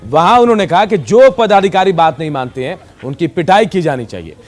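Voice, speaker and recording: Male TV anchor, scripted news voice-over, somewhat high pitch. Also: lively intonation, brisk.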